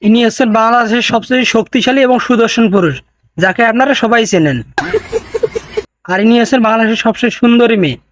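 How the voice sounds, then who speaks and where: A man's voice: very high voice, fast, music in the background. A man hosting a comedic roast video, teasing and sarcastic in tone. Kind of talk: mocking comedic roast narration.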